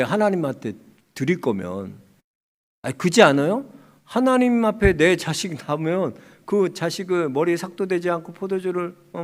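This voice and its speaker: A man with a notably high voice delivers a sermon. His preaching is passionate and dramatic. He lurches between ringing, forceful peaks and quiet, breathy lows that are close to a whisper. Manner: impassioned, swinging from loud cries to hushed near-whispers. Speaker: pastor.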